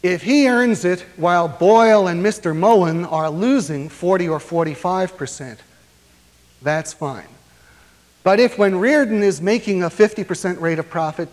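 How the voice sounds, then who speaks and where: Man, lecturer, academic lecture, slightly high voice, deliberate with frequent pauses, long hall reverb.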